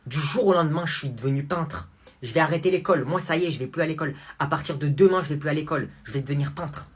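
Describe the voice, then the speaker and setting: A man with a husky voice playing a boastful boy who proudly declares he will quit school to become a painter, in a comedy skit. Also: a little high, fast. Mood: grandiose. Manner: grandiose, self-important declarations.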